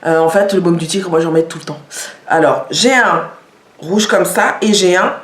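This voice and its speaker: In an echoey room, a female vlogger with a fairly low voice and normal speed shows off products in a casual show-and-tell. She hesitates a lot and uses many fillers.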